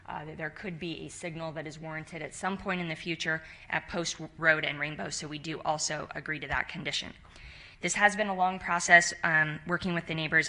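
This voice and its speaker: Woman, low pitch, bright tone, measured formal presentation, conciliatory. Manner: measured, conciliatory, with frequent fillers. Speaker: applicant's representative. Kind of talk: formal presentation at public hearing. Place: county commission meeting chamber.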